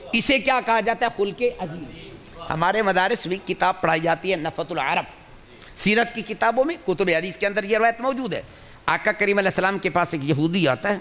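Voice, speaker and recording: A man's voice: high voice, a bit bright. A man preaching a sermon as an Islamic scholar, who asks his listeners questions, answers them himself and repeats key phrases for emphasis. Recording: long hall reverb.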